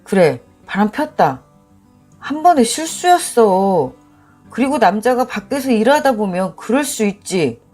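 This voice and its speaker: A husband caught cheating who bluffs and snaps back instead of apologizing, as a woman narrator puts him on. The voice is her own kept lower and slowed, with a lively swing when he flares up. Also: soft background music. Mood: defensive. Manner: blustering, defensive. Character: defensive cheating husband, blustering.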